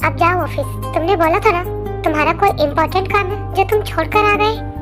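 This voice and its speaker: Woman voicing a gentle pregnant young wife. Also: very high-pitched, brisk. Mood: soothing. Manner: soothing, gently chiding. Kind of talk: fan story narration. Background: faint music.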